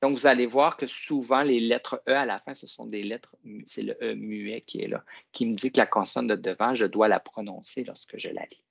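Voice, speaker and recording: A middle-aged man leads a phonics demonstration in a coaxing teacher's voice. His tone is gravelly and he stretches out the words he wants pupils to repeat. The recording sounds dull and lo-fi. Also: medium pitch, fairly even intonation, moderate pace. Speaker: teacher trainer. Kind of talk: classroom reading demonstration.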